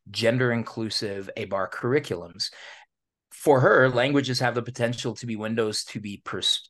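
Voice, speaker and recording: A man with an American accent hosts a podcast in a loose, slangy style, sprinkling in bits of Spanish as he chats and interviews. His voice sits at a medium pitch with a slightly bright tone.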